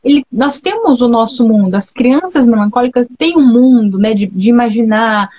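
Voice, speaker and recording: A woman's voice: on the high side, normal speed, warm tone, breathy edge. A woman from Brazil hosting a live talk, speaking in a chatty, reflective way that keeps checking in with her listeners. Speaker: host of a live talk on temperaments. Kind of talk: casual live chat.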